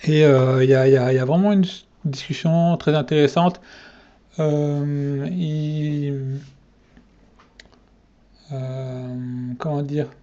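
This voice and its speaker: A man's voice: fairly high pitch, fairly even intonation, takes it slowly, long pauses, dark tone, dull audio. A man ranking his favourite fitness channels in a casual vlog, hesitant and full of fillers and restarts.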